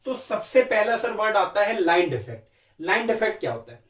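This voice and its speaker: Man, chemistry teacher, high voice, asks and answers his own questions, repeats terms, distant mic, echoey room. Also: big pitch swings, normal speed, a bit bright. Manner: repeats key terms call-and-response; calls listeners beta and sir. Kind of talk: classroom lecture.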